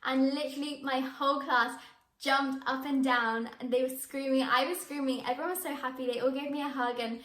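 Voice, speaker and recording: Her voice is high-pitched and fairly bright, with fairly even intonation and a slightly fast pace. The teenage actress answers on-camera interview questions in a bubbly, enthusiastic way, laughing often, in an echoey room.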